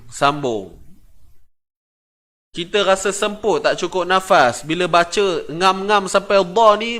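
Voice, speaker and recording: A man's voice: sits high, bright, forceful tone. A man with a Malaysian Malay accent teaching tajwid, breaking words into syllables and chanting verses, asking his listeners questions as he goes. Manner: patient, repeats syllables, asks the class questions. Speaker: Quran recitation teacher. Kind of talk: tajwid lesson with chanted recitation.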